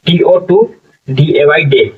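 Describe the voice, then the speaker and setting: A man's voice: fairly high pitch, fairly even intonation, takes it slowly, far from the mic, phone-quality sound. A man teaching English reading to learners, spelling words out letter by letter and often checking in with "ठीक है". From India. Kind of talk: slow spelling-out classroom lesson.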